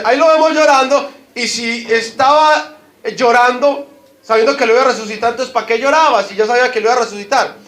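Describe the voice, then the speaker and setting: A man's voice: high voice, a bit bright, slight background noise. A man with a Colombian Spanish accent preaching a sermon as pastor, putting questions to the congregation and stressing his points. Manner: preaching with rising emphasis, asks the congregation questions. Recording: echoey hall.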